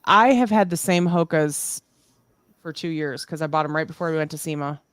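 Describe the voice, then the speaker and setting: A woman's voice: low-pitched, normal speed, dry recording, clean studio sound. A woman in her forties chatting on a podcast, telling teasing stories. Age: 40s. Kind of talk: casual podcast chat.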